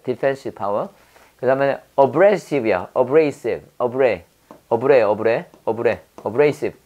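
A woman's voice: extremely low pitch, darkish tone. A woman teaching English vocabulary to a Korean-speaking audience with memory tricks, repeating each word and quizzing the listener. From South Korea. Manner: repeats words and quizzes the viewer, drawn-out pronunciation drills. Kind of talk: vocabulary lesson with mnemonic wordplay.

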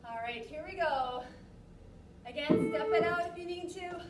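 A young woman working as an aerobics instructor, calling out cues and encouragement in short, energetic, motivating bursts. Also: very high-pitched, moderate pace. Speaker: aerobics and fitness class instructor. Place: large gym studio, indoors. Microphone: distant camera microphone. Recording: echoey gym, distant mic, noisy.

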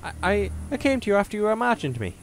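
A man's voice: sits high, very animated, fast, soft background music, voice pushed up. A man puts on a lanky skeleton in a top hat from a spooky video game, with a put-on Irish lilt. He is sly, chummy and theatrical, voice raised well above the man's own. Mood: persuasive.

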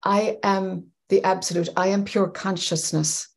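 A woman's voice: medium pitch, a little slow. Thoughtful woman teaching on a webcam. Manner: thoughtful, searching for words, animated hand gestures. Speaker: spiritual teacher. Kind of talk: reflective spoken teaching. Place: home room with bookshelves, indoors. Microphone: webcam on video call.

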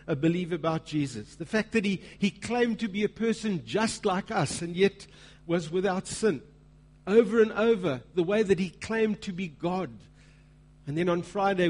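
A man preaching a sermon in church, earnest and emphatic, pausing to stress words and sometimes repeating himself. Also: sits high. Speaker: pastor.

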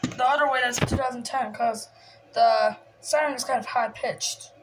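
A woman hosts a casual show-and-tell of her radio collection, filming on a handheld phone camera in a small, cluttered indoor room. Her high-pitched voice is halting and casual, often trailing off, and the home recording is noisy and full of clicks.

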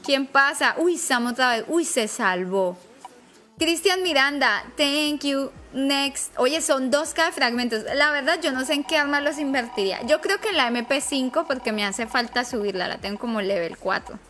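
Excitable high-voiced woman streamer. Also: normal speed. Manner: excitable, nervous exclamations. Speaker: live streamer. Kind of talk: excited live-stream giveaway commentary.

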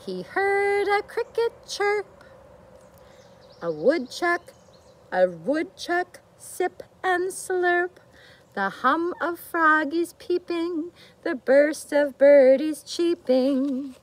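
In a leafy garden, a middle-aged children's teacher with a very high, animated voice reads and sings a picture book extremely slowly. She uses simple talk and singsong storytelling, often asking the young viewers easy questions, picked up by a camera or phone a short way off.

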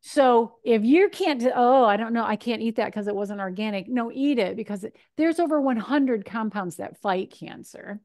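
A woman's voice: fairly high pitch, normal speed, hardly any pauses. Chatty woman nutrition speaker on video call. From Michigan. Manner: chatty and animated, gesturing, acts out her own thoughts. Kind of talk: casual Q&A over video call. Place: home kitchen. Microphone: video call webcam.

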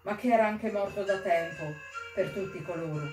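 A woman reading a literary story aloud in an expressive, measured way at a library event. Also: medium pitch, roomy sound, far from the mic, music in the background, poor audio. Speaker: reader.

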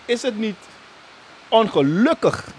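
High-voiced interviewer, a man. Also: very animated, slow pace, breathy edge. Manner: cuts in with probing follow-up questions. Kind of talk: live talk-show interview.

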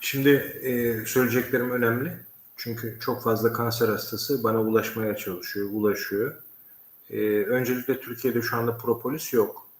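A man speaking directly to his viewers in a measured, explanatory way. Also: mid-range voice, steady tone, roomy sound.

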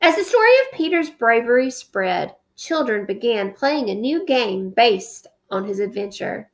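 At home in her living room, a teacher in her thirties reads a picture book aloud with expression, then explains a math lesson, captured by a close-range webcam. Her fairly high voice is very animated yet unhurried.

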